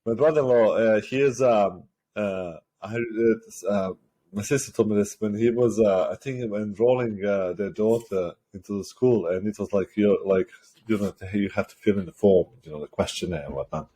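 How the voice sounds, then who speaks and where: A man's voice: lowish voice, normal speed, mellow. A man hosting a comedy podcast, telling a rambling story full of "uh" and "you know". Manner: rambling with many fillers, joking. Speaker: podcast host. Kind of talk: casual comedic chat.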